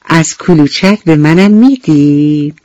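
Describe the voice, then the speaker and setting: A woman voicing a kind, forgiving little ant in a children's radio bedtime story, with a gentle, lilting delivery. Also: deep voice, no echo, close to an everyday voice. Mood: friendly.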